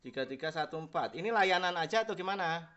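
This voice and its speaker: Higher-pitched man, blunt phone caller. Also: lively intonation, quick pace, fairly bright tone. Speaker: customer phoning a bank call centre. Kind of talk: informal phone conversation. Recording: muffled lo-fi telephone line.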